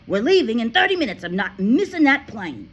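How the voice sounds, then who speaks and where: A woman's voice: on the high side, sing-song, normal speed, fairly bright tone, breathy edge, pitched above the performer's own voice, heavily acted. A woman voicing an impatient, bullying middle-aged father who snaps and barks orders. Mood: angry barking. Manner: barking, snapping orders.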